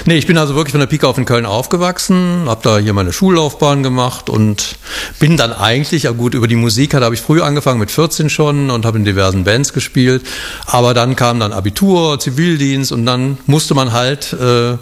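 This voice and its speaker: A man's voice: medium pitch, a little fast. A middle-aged man from Cologne telling his life story in an interview, rambling with many fillers and restarts. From Cologne, Germany. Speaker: guest, bar owner and musician.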